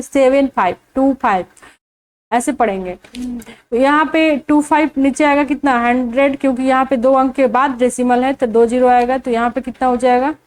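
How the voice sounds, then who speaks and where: On poor audio, a woman with a high, darkish voice explains maths step by step. She speaks slowly and deliberately, keeps asking the viewer questions, and answers each one herself.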